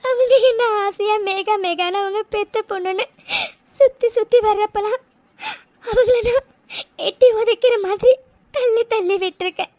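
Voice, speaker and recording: Brief: sobbing guilty young daughter in a cartoon, voiced by a woman, squeaky-high and tearful, dry booth. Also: normal speed, darkish tone, no room sound. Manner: sobbing, pleading. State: crying. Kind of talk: cartoon voice acting.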